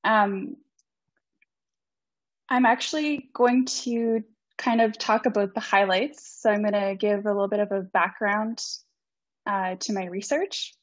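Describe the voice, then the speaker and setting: Speaking slowly with long pauses, this student presenter in her twenties keeps a steady tone in a mid-range voice. She is giving a polite, earnest academic conference talk by video call, with plenty of ums, and Icelandic is not her native language. Her computer mic picks up dry, somewhat dull audio without echo.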